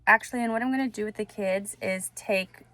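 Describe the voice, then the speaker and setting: Her voice sits in the mid-range, brisk, pushed and bright, as this young woman talks informally in a family vlog. A vlogger and mother of two young kids, she thinks aloud while doing a chore indoors at home, in a clearly noisy recording with clicks.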